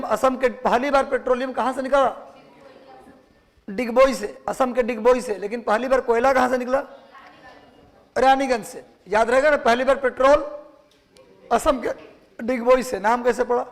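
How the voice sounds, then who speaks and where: A man with a Bihari Hindi accent delivers a classroom lecture in a notably high voice. He quizzes his students constantly and repeats each answer for dictation. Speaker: teacher.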